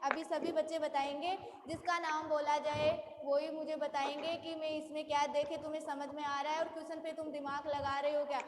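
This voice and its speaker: A woman teacher, teaching an online class slowly and repeating her own questions back, praising and calling on students. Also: sits high, little pitch movement, in a large hall, background noise. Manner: slow and repetitive, asks and answers her own questions; calls students by name and praises them.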